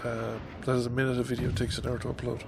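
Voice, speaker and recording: This man talks fast in a monotone, his medium-pitched voice carrying vocal fry over slight background noise. An Irish YouTuber in his fifties with a head cold that's blocked his nose, he rambles hesitantly with many ums through a casual vlog update on a stand-mounted desk mic.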